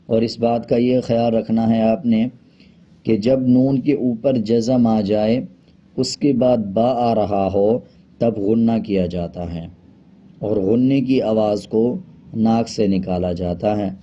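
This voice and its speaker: A man teaching a Quran reading lesson, switching between brisk explanations and slow, drawn-out spelling of letters. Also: lowish voice, steady tone. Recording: dull lo-fi sound.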